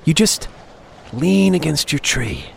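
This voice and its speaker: A man's voice: on the high side, huge pitch swings, slow pace, vocal fry, slight background noise, exaggerated voice. A man playing a younger office underling on a hunt, talking on with mock cheer, taunts and menace in a dramatic audio story. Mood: quietly menacing. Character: younger male office underling, falsely chummy, needling, menacing hunting companion. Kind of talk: dramatic audio fiction acting.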